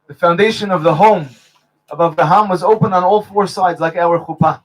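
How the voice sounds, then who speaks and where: A man's voice: sits high, a little fast, poor audio. A man officiating a wedding, speaking under a chuppah and telling stories and jokes between Hebrew blessings. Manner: warm storytelling with Hebrew blessings.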